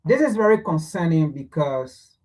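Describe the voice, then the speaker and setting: A man speaking as a panelist in a measured way, building his point as a list. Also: on the high side, lively intonation, darkish tone.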